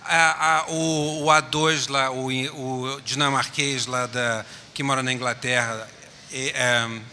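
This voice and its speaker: A man speaking informally as a panelist, haltingly and often searching for words. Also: medium pitch, level tone, bright, forceful tone, slight background noise. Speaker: panelist, small design studio owner. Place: round table in a reverberant hall. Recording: echoey hall.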